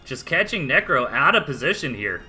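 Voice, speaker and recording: His voice fairly high and sing-song, with a sharp tone at normal speed, a Southern US esports caster calls a strategy game match live. He keeps up chatty play-by-play and casual asides as faint music plays behind.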